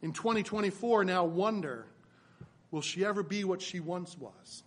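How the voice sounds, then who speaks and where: Pastor preaching, high voice, gets loud then goes real soft. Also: male voice, normal speed. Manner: builds to loud emphatic peaks, then drops soft and low. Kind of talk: sermon.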